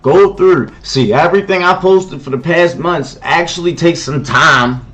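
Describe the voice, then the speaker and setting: A man's voice: fairly high pitch, a little slow. A man hosting a solo livestream, talking in an impassioned, preachy way and often repeating "okay?" to make his point. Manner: shouts at someone off-mic. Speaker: livestream host.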